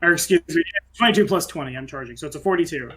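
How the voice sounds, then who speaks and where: A man's voice: a little high, lively intonation, very fast, a bit bright. A man playing a tabletop game, casually chatting and narrating his moves.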